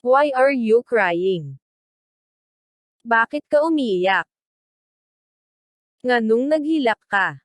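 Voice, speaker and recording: A woman teacher reads short phrases in a very slow, careful drill. Her voice sits fairly high, and the recording is dry and close. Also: expressive, dry recording. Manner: reads each phrase slowly and deliberately. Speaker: language teacher. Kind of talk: slow read-aloud translation drill.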